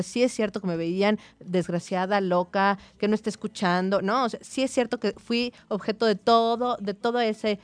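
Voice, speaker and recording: Animated Mexican woman telling a story. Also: medium pitch, no echo. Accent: Mexican Spanish. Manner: animated, tells anecdotes with quoted dialogue. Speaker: psychologist, guest or co-host. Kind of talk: casual conversational storytelling.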